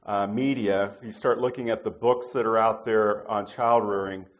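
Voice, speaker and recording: A middle-aged man preaching a sermon in a conversational way, pausing with fillers and restarting his sentences. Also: lowish voice, fairly even intonation.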